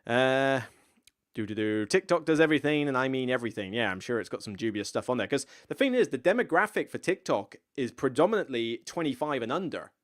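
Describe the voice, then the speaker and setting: A man's voice: medium pitch, sing-song, quick pace, few pauses. A man in his thirties with a Somerset West Country accent, hosting a casual live Q&A and chatting in a rambling, self-deprecating way with plenty of asides. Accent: West Country Somerset, slightly blurred. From West Country, England. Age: 30s. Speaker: board game channel host.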